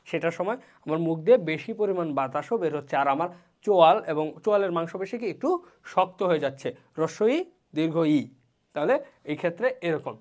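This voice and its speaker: During an online class, a teacher works through the lecture step by step in a medium-pitched voice. The speaker poses questions, answers them, and slowly sounds out each vowel as an example.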